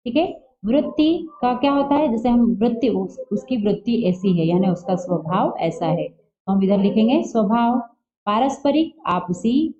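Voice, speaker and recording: A woman's voice: fairly high pitch, dark tone. Patient woman teaching a Hindi lesson. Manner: patient, asks and answers her own questions; spells out words syllable by syllable. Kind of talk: classroom lesson walkthrough. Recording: dull lo-fi sound.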